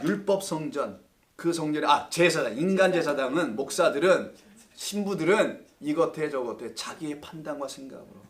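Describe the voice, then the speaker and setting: A male pastor leading a Bible study sermon in a church, teaching in a conversational way, joking with the congregation and asking questions that he answers himself. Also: fairly high pitch.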